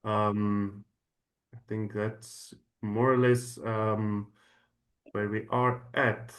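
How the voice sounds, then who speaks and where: A man's voice: lowish voice, level tone, extremely slow, fairly bright tone. A man acting as host, introducing a guest speaker in an informal workshop setting. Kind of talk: introduction, partly read, then halting informal welcome.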